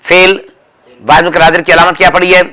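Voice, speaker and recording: A high, sharp male voice with little pitch movement, delivered fast. He runs a grammar drill, quizzing students by name and repeating firm corrections.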